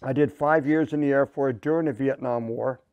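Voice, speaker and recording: A man's voice: mid-range voice, steady tone, a little fast, clean tone, no echo, narrow, tinny audio. A man in his seventies, from Canada and raised in Massachusetts, telling his life story as an interview guest in a rambling, folksy way, seated in a studio. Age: 70s. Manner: rambling, folksy anecdotes with restarts. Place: indoor studio set, seated.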